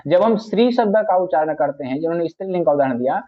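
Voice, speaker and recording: A man's voice: a little high, animated, fast. Patient male grammar teacher, tinny audio. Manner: patient, repeats points and recites Sanskrit phrases. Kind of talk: explanatory lecture.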